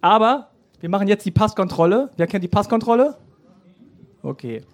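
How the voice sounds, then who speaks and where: A man's voice: sits high, very animated, normal speed. A man hosting a live podcast interview on an outdoor festival stage, casual and playfully teasing his guest. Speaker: podcast host.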